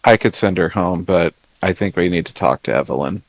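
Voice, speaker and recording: A man speaks casually as a player in a tabletop game, with a hesitant delivery. His voice is very low and the sound is dry. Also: a little fast, no room sound, lo-fi sound. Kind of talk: tabletop role-play.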